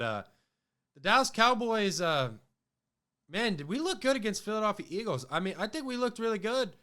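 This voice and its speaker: With a cold throwing his voice slightly off, a man hosts a casual sports podcast, rambling with plenty of fillers and false starts. His pitch is fairly high, and the sound is pushed and bright.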